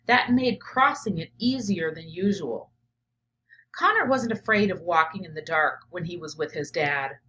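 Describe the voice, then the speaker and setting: A middle-aged teacher and professor reads a children's story aloud, her voice on the low side, expressive and unhurried, in a rough recording with a little hiss or hum. She reflects in a think-aloud way, often lowering to a murmur as she notes ideas.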